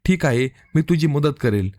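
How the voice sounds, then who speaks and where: A nervous young sister who quickly brushes off questions, told in plain storybook reading, as a male narrator speaks for her. The voice is a little high and heard dry and close. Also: lively intonation, a little mellow, dry recording, lightly acted. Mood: evasive.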